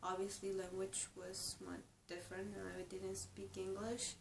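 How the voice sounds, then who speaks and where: Young woman, from Ecuador, native Spanish speaker, halting personal interview, mic at a distance, echoey. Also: mid-range voice, monotone, background noise. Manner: reflective, halting, frequent restarts. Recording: roomy echo, distant mic, faint ambience.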